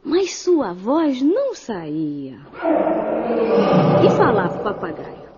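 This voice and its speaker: Woman, children's story narration, expressive, lively pitch, unhurried. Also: over loud music. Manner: expressive, addresses the child listener. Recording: dull lo-fi audio.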